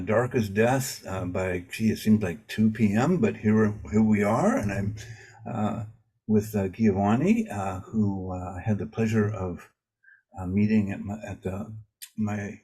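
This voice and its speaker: A man with a low, mellow voice and a slightly husky edge hosts a casual video interview. He speaks haltingly and fills his sentences with uh and false starts. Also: low-quality recording. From Maine. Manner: halting, many uh fillers and restarts. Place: home in Maine.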